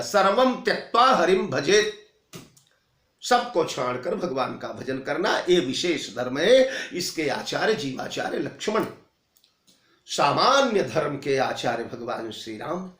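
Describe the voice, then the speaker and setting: High-voiced slow male preacher. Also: very animated, a bit bright, echoey room. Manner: emphatic, chanting verses. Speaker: religious storyteller.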